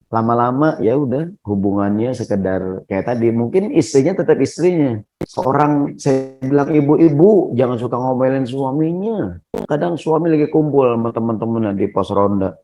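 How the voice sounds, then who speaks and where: Guy preaching at a mosque, chatty and animated, keeps asking the crowd ya or no, mid pitch. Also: normal speed, low-quality recording. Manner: conversational, keeps asking the audience "ya nggak?"; often addresses listeners as "hadirin". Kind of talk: mosque sermon. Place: mosque hall.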